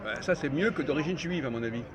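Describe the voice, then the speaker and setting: A man's voice: fairly high pitch, expressive, fast talker. A man hosting a casual group debate at an outdoor café, asking questions and restarting his sentences. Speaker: host of a philosophy café discussion. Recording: busy crowd noise outdoors.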